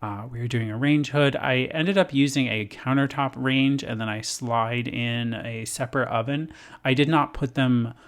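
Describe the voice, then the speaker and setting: A man with a gravelly, fry-edged voice talks through his game build in a loose voice-over. He rambles and fills gaps with "uh" and "like", and he pokes fun at himself along the way. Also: medium pitch, moderate pace. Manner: chatty, rambling, lots of fillers and self-deprecating laughs. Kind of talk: casual voice-over commentary.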